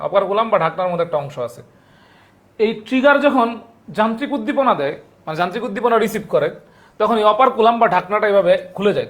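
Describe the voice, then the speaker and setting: A young man from Bangladesh teaching a live online biology class, going through exam questions, repeating each point several times and calling out viewers' names from the comments. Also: high-pitched.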